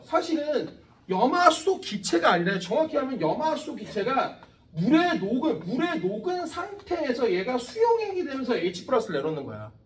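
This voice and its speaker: A man in his forties gives a classroom lecture in a high, animated voice, chatting with students and firing questions at them. He is picked up from some distance in an echoey room with faint background noise. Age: 40s. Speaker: science teacher.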